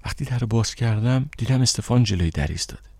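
A man narrating an audiobook in the first person with steady, measured storytelling. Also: medium pitch, husky, no echo.

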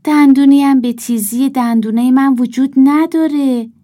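A woman voicing a grumpy, fierce male wolf in a storybook reading, speaking loud and high. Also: fairly even intonation. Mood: protesting.

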